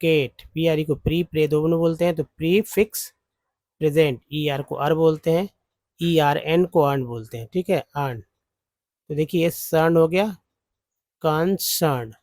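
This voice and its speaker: A man teaching English phonics from slides, explaining word parts slowly. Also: a little high, steady tone, darkish tone, no echo. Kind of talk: slide-based phonics lesson.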